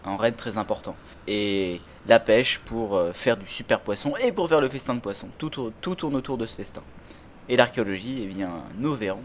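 A man's voice: on the low side, expressive, moderate pace, a little hiss or hum. A man hosting a casual gaming podcast, chatty, with many fillers and self-corrections. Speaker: podcast host.

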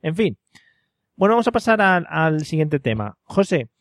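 A man hosting a casual podcast, asking questions in a relaxed, teasing way. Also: on the high side, normal speed, no echo, clean studio sound. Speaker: podcast host.

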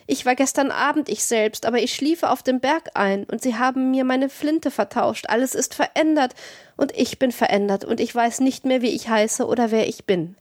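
A woman's voice: on the high side, normal speed, hardly any pauses, a little mellow, dry recording, clean studio sound, natural voice. A woman reading a storybook, voicing a confused old man who pleads with a crowd in a raised voice. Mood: desperate. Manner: pleading, distraught. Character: bewildered old man just back from the mountains.

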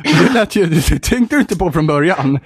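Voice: mid-range voice, animated, husky, dry recording, studio quality. A speaker, teasing a friend in casual chat. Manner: teasing banter.

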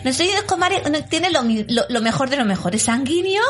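A woman's voice: high voice, fairly quick. A woman in her thirties with a Spanish accent from Spain, co-hosting a casual podcast chat and acting out children's whines and noises as she explains. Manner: animated, acts out children's whines and sound effects. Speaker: podcast co-host and teacher.

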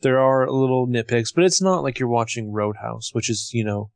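Guy on a movie podcast, mid pitch, opinionated casual talk, dry close recording. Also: fairly even intonation, normal speed, creaky, dry recording. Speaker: podcast co-host. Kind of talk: casual film discussion.

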